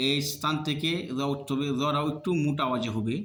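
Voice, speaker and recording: A man's voice: fairly high pitch, fast talker, pushed and bright, reverberant. A man teaching Arabic letter pronunciation step by step, patiently drilling each sound with many repetitions in a colloquial way. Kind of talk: slow step-by-step lesson.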